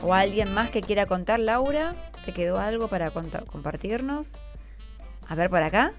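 A woman with a Rioplatense Argentine accent hosts an informal radio interview with schoolchildren, patiently encouraging them with her questions. Her voice is medium-pitched with lively intonation at a normal pace, and soft music plays in the background.

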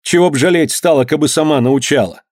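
A frightened young wife, voiced by a male narrator speaks in an anxious, plaintive tone. Her voice sits a little higher than his own. The audiobook sound is dry. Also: a little fast, darkish tone, dry recording, lightly acted. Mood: worried.

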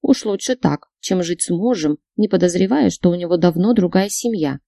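A woman's voice: lowish voice, expressive, moderate pace, creaky, warm tone, no room sound, studio quality. A woman voicing a nagging, manipulative middle-aged mother who scolds and reproaches her daughter. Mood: reproachful.

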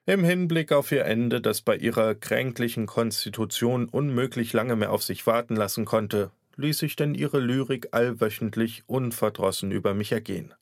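A man's voice: medium pitch, normal speed, few pauses, dry recording, studio quality. A man narrating a satirical story as an audiobook reader, in a wry, theatrical manner. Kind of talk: scripted narration.

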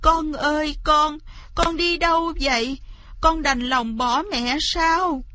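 A woman's voice: unhurried, dry recording. A woman storyteller voicing a poor, anxious mother who pleads and cries out in a raised voice. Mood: anguished. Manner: pleading, crying out high.

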